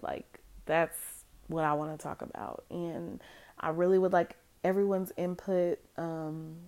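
A woman hosting a podcast introduction, chatting informally and directly to listeners, recorded in low quality on a phone. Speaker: podcast host. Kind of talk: casual spoken podcast introduction.

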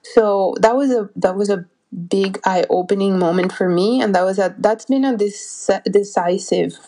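A woman's voice: medium pitch, a little slow, warm tone. Earnest woman in her forties, encouraging. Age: 40s. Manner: earnest, encouraging, searching for words with restarts. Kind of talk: motivational solo talk.

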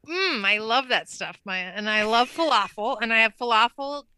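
A woman co-hosts a podcast in an easygoing, animated chat. Her voice is slightly high, bright and clear, recorded close and dry with no room sound. She laughs often as she talks. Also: moderate pace, no echo. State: just back from a hard workout class. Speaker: podcast co-host. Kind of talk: casual chat.

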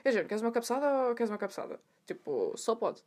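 A woman's voice: on the high side, fast. A young woman with a European Portuguese accent, telling a story in a chatty, slangy monologue. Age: young adult. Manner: chatty, animated, full of slang and asides. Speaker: podcast host.

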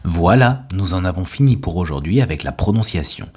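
A man with a deep, slightly husky voice gives a scripted language lesson. His pitch rises and falls in a lively way, and he speaks each word clearly and deliberately, like a teacher guiding learners. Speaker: French teacher and podcast host.

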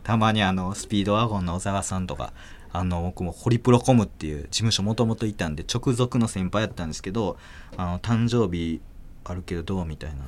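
A man with a Kansai accent, hosting a podcast and telling a story in a casual, animated way, acting out voices and laughing often. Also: deep voice, fast talker, a little hiss or hum. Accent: Kansai Japanese. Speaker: podcast host.

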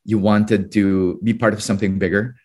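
Male interviewer, lower voice, long questions, hedging and filler-heavy. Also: flat delivery, moderate pace, a little mellow, slightly rough. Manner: fluent but hedging, many fillers.

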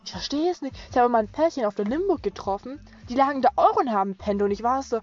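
A young woman vlogger chatting casually, telling stories with lively acted-out quotes and frequent laughter. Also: on the high side, fast, soft background music. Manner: animated storytelling, acts out friends' quotes, laughs often. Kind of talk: casual chat. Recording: lo-fi dull sound.

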